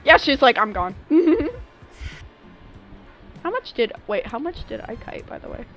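A young woman streaming a game live, chatting casually with her viewers and breaking into sudden excited squeals. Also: sits high, unhurried, muffled recording, soft background music. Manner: excitable, talks to chat, sudden squealy outbursts.

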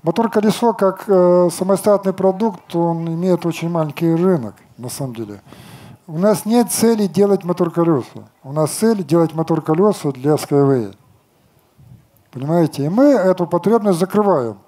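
A man's voice: high-pitched, lively intonation, moderate pace, warm tone. A man in his sixties speaking confidently on an outdoor festival stage, lecturing and answering audience questions with rhetorical questions. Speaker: company chief designer answering questions.

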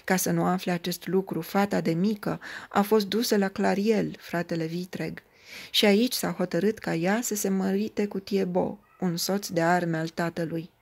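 Brief: female audiobook reader, slightly low pitch, measured dramatic narration of an old legend. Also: fairly even intonation, vocal fry.

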